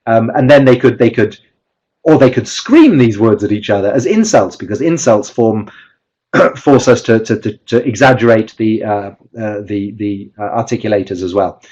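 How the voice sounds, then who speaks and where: A man's voice: fairly low pitch, moderate pace, a little mellow, highs cut off. Man presenting a live online webinar. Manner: explanatory, with many restarts and stressed example words. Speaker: teacher trainer giving a webinar talk. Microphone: computer mic with webcam.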